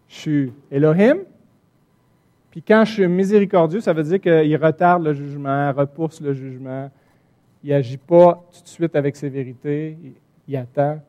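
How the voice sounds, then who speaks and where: A man preaching with a Quebec French accent, his voice sitting fairly high yet sounding mellow and warm. He teaches in an animated way, dropping to quiet asides and then rising to loud, insistent emphasis. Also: lo-fi sound. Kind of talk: sermon teaching from the Bible.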